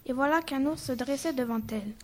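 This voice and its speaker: A woman narrates a children's tale aloud in a careful, even read-aloud style. Her voice is high-pitched. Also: a little fast. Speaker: school pupil reading a story on a class radio show.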